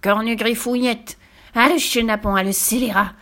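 A woman voicing a vain, furious old witch in a children's storybook reading, with theatrical, shrill, drawn-out gloating. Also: steady tone, a bit bright. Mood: furious boasting.

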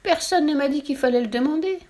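A whining, sulky little pig from a storybook, as a woman reads him. His voice climbs high and pleads in a petulant wail. He grumbles that nobody loves him. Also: fast, a little mellow, natural voice. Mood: indignant. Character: greedy sulky little male pig, whiny.

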